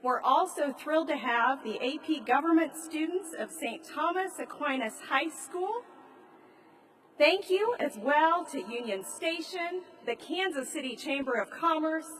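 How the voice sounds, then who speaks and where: An American woman speaking as a presiding judge, giving a formal, measured ceremonial address. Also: sits high, a bit bright. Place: large grand hall in a train station. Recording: echoey large hall, distant mic.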